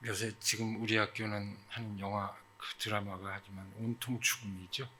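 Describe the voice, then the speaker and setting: A man preaching a sermon as pastor, earnest and emphatic, with frequent fillers and sudden loud stresses. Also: on the low side, flat delivery, normal speed, slight background noise.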